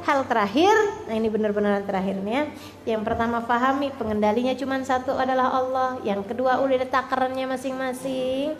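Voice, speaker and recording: A woman religious teacher, preaching in a lively, animated storytelling way. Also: a little hiss or hum. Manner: animated storytelling, acts out scenes with high squeals and laughter. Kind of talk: lively sermon.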